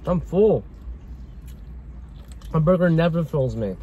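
A young man, a son co-hosting a food review and talking in a relaxed, agreeable way while eating in a parked car, picked up by a dashboard camera. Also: fairly high pitch, takes it slowly, muffled recording, a little hiss or hum. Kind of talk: casual chat in a car.

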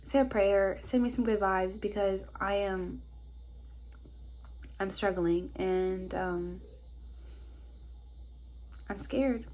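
A woman's voice: medium pitch, fairly even intonation, takes it slowly, pauses often, darkish tone. A young woman with a stuffed-up, nasal voice, talking anxiously in a casual personal vlog recorded on her phone. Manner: anxious, rambling with many "like"s. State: stuffed-up nose. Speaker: vlogger. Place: car and hospital hallways, on the move.

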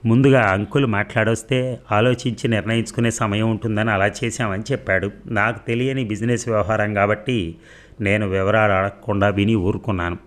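A man's voice: fairly low pitch, fairly even intonation, a little fast. A man reading a serialized novel aloud as narrator, telling the story steadily with small restarts.

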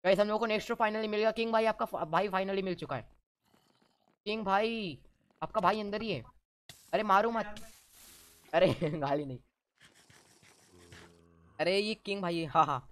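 A man giving excited let's-play commentary as a gaming YouTuber, teasing and ordering his teammates around. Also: sits high, normal speed, pauses often.

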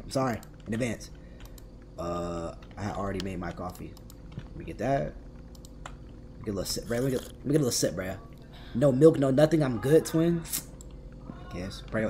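Excitable young man streaming a game. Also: mid-range voice, slight background noise. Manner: excitable, chatty, lots of slang. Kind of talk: live gameplay commentary. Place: home.

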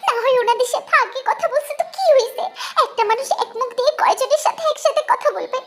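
A woman voicing an indignant young wife who answers her husband with sharp reproaches. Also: extremely high pitch, animated, fast, a little hiss or hum, heavily acted.

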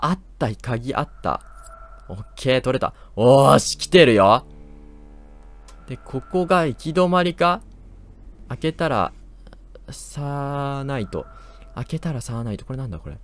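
A man commentating a horror game as he plays, talking to himself, joking and yelping loudly when startled. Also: medium pitch. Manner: jumpy, loud startled outbursts and joking complaints; talks to himself while exploring. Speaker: gameplay commentator.

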